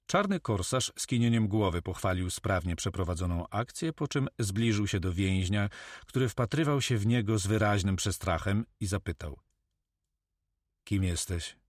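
A man narrating an adventure audiobook in a measured, expressive way on a close mic. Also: on the low side, no room sound.

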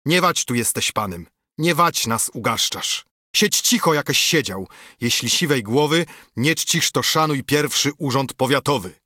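A man voicing a grey-haired old noble chamberlain who scolds loudly and sternly, with a slightly husky voice. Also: medium pitch, expressive, unhurried, dry recording, studio quality, pitched above the performer's own voice, heavily acted. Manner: loud, indignant rebukes.

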